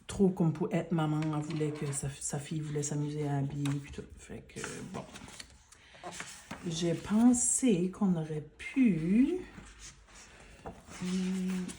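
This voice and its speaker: A woman with a Quebec French accent, speaking in a hushed library-like murmur in soft-spoken ASMR style and mixing in English words. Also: sits low, a little slow, noisy background. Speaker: ASMR creator.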